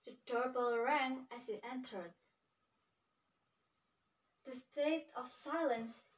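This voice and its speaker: A young adult woman narrating a story slowly and carefully for a storytelling competition. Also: high voice, fairly even intonation. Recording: echoey room, distant mic.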